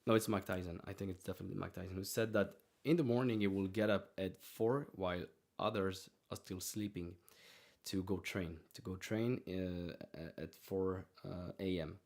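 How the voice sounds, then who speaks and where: Male podcast host, lowish voice, unscripted motivational delivery, halting and repetitive as he finds his words. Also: fairly even intonation, vocal fry, darkish tone. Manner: halting, repeats words while searching for phrasing. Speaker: martial arts podcast host.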